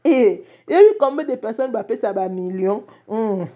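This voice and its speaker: A woman's voice: a little high, animated, moderate pace, dark tone, dull audio. A woman hosting a casual live stream, exclamatory and chatty, greeting viewers by name and tagging her lines with "hein?". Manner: code-switches, many "hein?" tags.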